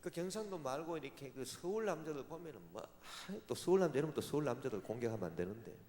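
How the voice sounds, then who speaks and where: Man, Gyeongsang accent, pastor, sermon, lively swooping pitch, long hall reverb. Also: quick pace, slight background noise. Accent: Gyeongsang Korean. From Gyeongsang Province, Korea. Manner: animated preacher, mimics voices and asks rhetorical questions. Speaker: senior pastor. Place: large church sanctuary.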